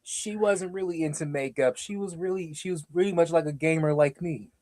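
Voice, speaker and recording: An easygoing man chats casually as a podcast co-host. His voice sits a little high. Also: brisk, a little mellow. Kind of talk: casual chat.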